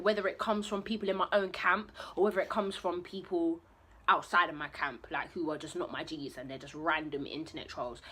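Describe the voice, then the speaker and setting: A woman's voice: medium pitch, bright, forceful tone, husky. A woman chatting candidly to her phone camera in her bedroom, rambling and talking while she eats. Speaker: vlogger. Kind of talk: casual vlog chat.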